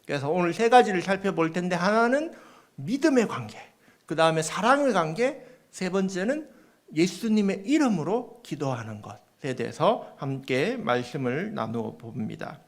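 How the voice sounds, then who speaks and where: A male pastor delivers a sermon in a high voice that rises and falls a great deal. He explains step by step, asks the congregation rhetorical questions, and acts out the voices he quotes. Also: sing-song, moderate pace.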